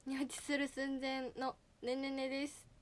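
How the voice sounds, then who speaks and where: A woman's voice: sits high, monotone, measured pace. A teenage girl idol with a slightly nasal voice, chatting casually on a livestream and reading out viewer names. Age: teens. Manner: reads out viewer names, bright greetings.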